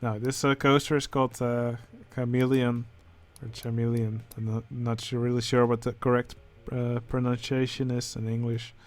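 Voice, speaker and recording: A man with a Dutch accent, speaking English as a second language, who hosts a channel and comments casually on game contest entries, pausing often with filler sounds. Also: mid-range voice, flat delivery. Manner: hesitant, many filler sounds. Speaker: channel host judging a building contest.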